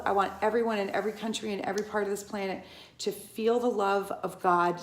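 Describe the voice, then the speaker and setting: A mid-range voice belongs to a woman of roughly fifty, a Pilates teacher talking to the camera in an informal vlog with lots of rambling, restarts and tangents. The sound is roomy, with a little hiss or hum in the background.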